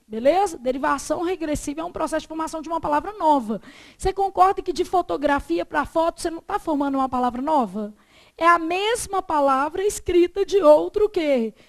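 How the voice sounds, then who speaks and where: A woman with a bright, high voice lectures a class on grammar. She speaks frankly, drops in small jokes, and turns her points into quick prompts that the students finish. She keeps checking in with them as she goes. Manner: leaves sentences open with "o quê?" for the class to finish; frank and joking, checks in often with "beleza?". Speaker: Portuguese teacher.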